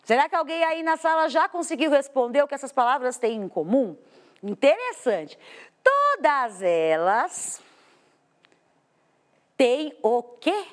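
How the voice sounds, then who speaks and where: Lively high-voiced Brazilian woman teaching. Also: moderate pace. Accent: Brazilian Portuguese. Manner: explains step by step, asks the class questions. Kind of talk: televised classroom lesson. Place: TV studio. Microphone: studio microphone.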